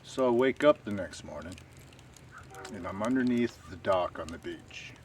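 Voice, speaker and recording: A man telling a long story to camera in a rambling, unhurried way, full of fillers. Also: fairly low pitch. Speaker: stealth camping vlogger. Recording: distant outdoor camera audio with faint ambient noise.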